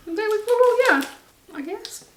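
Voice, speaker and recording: A woman's voice: very high voice, expressive, moderate pace, echoey room, a little hiss or hum. A woman hosting a snack taste test in casual chat, bubbly and enthusiastic. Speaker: host.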